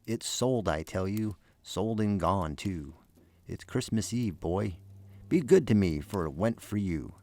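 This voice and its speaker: A man's voice: fairly low pitch, animated, unhurried, warm tone. A man voicing an anxious, tender young wife, earnest and pleading, in a fireside storytelling reading.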